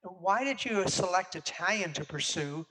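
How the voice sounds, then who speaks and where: A man's voice: sits high, lively intonation, normal speed, a bit bright, rough recording. An older man hosting a conversation, speaking hesitantly with many filler sounds. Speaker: host. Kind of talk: hosted conversation.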